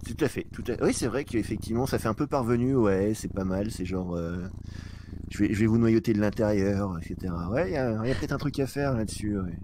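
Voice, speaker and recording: Fast-talking joking man on a noisy line. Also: lowish voice. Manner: joking, hesitant with many fillers. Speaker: co-host of a live stream. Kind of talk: casual chat. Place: online voice chat.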